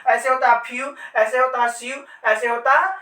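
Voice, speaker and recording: A woman's voice: on the high side, fairly even intonation, moderate pace, pushed and bright. A woman teaching English pronunciation in a patient classroom manner, repeating points and asking herself questions before answering. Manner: patient, repetitive, asks and answers own questions. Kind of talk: classroom-style lesson. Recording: echoey room from far off.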